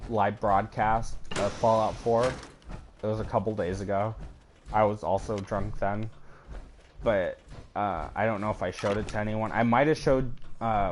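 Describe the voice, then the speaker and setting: A man's voice: fairly low pitch, slight background noise. A man casually talking through a game as a let's play host, rambling and swearing offhandedly, with the hiccups. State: has the hiccups. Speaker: gaming channel host.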